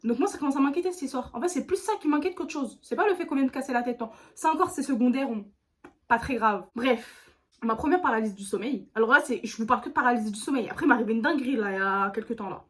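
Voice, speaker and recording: A woman's voice: on the high side, fast talker, a bit bright. A woman YouTuber telling a storytime to her viewers in a chatty, slangy way, speaking straight to the camera. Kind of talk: casual storytime vlog.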